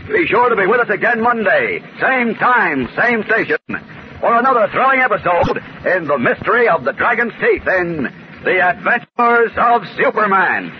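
A man's voice: sits high, big pitch swings, moderate pace. A man narrating a suspenseful serial as a dramatic 1940s radio announcer. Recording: dull, noisy vintage radio recording.

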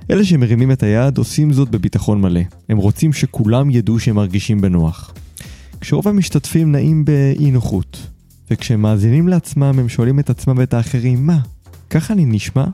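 A man hosting a podcast, reading a scripted intro in a measured, explanatory way and chatting casually with his guest. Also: mid-range voice, expressive, dark tone, faint music behind. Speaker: podcast host.

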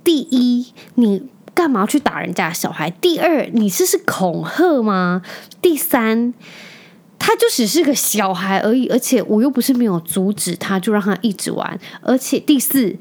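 A woman's voice: a little high, animated, normal speed, a little mellow. A woman, a podcast host and mother telling a story in a chatty, venting way and dropping in English words. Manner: chatty, vents angrily, drops in English words. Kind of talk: casual storytelling monologue.

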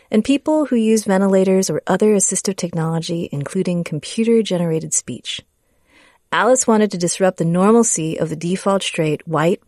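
A woman reading scripted narration in the measured manner of a public radio host. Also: mid-range voice, a little mellow, dry recording, studio quality.

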